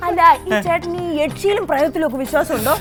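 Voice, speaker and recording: A woman playing a shrill, sulky jealous wife. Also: music in the background. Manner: whiny and accusing, quick retorts. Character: touchy, jealous young wife quick to sulk. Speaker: wife in a comedy sketch. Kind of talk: comic sketch acting.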